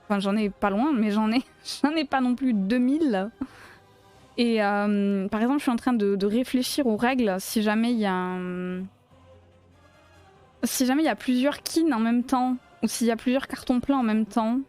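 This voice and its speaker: A woman's voice: on the high side, normal speed, darkish tone, soft background music. A woman from south-west France with a south-west French accent, chatting casually and playfully on a crochet live stream and laughing often as she answers her chat.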